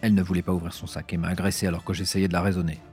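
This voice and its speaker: A man with a deep voice playing a surly, aggressive museum guard who barks accusations in an audiobook. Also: fairly even intonation, moderate pace, soft background music, close to an everyday voice. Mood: accusing. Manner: barking, accusing. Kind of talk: audiobook character voice.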